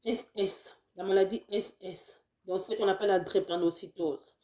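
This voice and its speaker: Her voice is medium-pitched and steady, moving at a moderate pace. A Congolese woman living in the United States, she hosts health videos and here talks casually to her viewers, slightly hoarse with a cold, restarting often, slipping into Lingala, and warmly pressing them to share the video.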